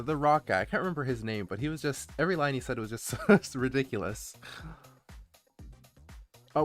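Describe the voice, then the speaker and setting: A man with a mid-pitched voice talks casually to his livestream viewers. He rambles hesitantly and drifts off track as he reads and answers them. Music plays in the background. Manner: rambling, hesitant, easily distracted. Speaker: streamer, VTuber introducing his channel. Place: indoor streaming setup, background music behind the voice.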